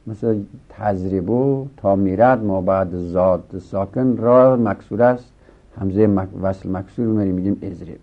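A man teaching Arabic grammar in a lecture, explaining each rule step by step and answering his own questions. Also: lowish voice. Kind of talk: classroom lecture. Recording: dull lo-fi recording.

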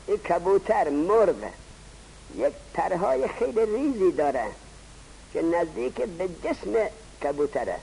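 Guy teaching grammar class, high lively voice, asks then answers himself, faint hiss on the tape. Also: vocal fry, rough recording. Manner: drawn-out teaching cadence, rhetorical questions answered himself. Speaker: seminary teacher. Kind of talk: classroom lecture on Arabic grammar.

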